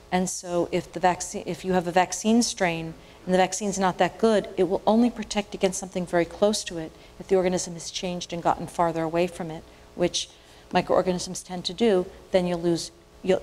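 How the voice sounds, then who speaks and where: A woman physician giving a public lecture with audience questions, in an explanatory, measured way and often restarting phrases as she thinks. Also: lowish voice, darkish tone, a little hiss or hum. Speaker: physician speaker. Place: university event room with audience.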